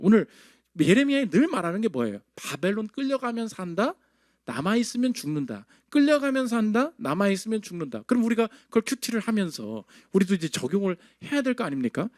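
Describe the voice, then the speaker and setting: A male pastor delivers an emphatic sermon in a high, lively voice that swoops up and down. The sound is dry and close, with little room echo. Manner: emphatic preaching, voices God's words and congregants' complaints.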